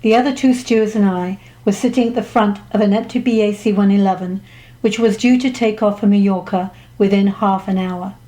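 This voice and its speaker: A woman reading her own memoir aloud as an audiobook, with measured, descriptive storytelling. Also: medium pitch, steady tone, mellow, low-quality recording. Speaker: author narrating her memoir. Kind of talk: scripted audiobook narration.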